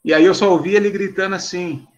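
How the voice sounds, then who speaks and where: A man, a pastor telling a story to a live online audience in an animated, sarcastic way. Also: high voice, fast, highs cut off.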